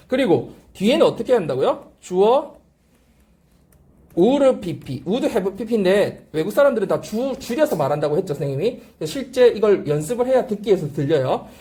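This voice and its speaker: A language-academy teacher lectures on grammar, voice rising and falling in a very lively way. The tone is warm and relaxed rather than bright, and the delivery keeps circling back to repeated drill phrases and questions to the class. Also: medium pitch, moderate pace. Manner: asks frequent rhetorical check-questions.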